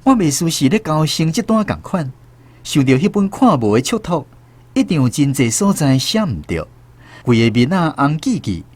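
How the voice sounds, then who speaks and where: In a lightly acted, very animated, slightly mellow medium-pitched voice at a moderate pace, an actor with a Taiwanese accent narrates a radio drama. Speaking in first person as a grown-up reflecting on his village childhood, he's backed by music and slight background noise.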